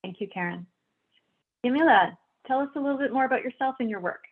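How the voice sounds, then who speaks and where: A woman moderating a panel discussion in a brisk, upbeat way, introducing guests. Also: high voice, lively intonation, narrow, tinny audio. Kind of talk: hosting a panel.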